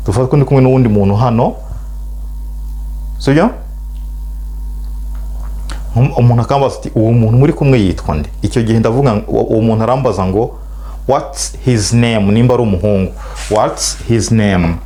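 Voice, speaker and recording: A middle-aged Rwandan man, a native Kinyarwanda speaker, teaches spoken English with a mid-range, mellow voice and a Rwandan accent. He draws out model phrases slowly so learners can repeat them.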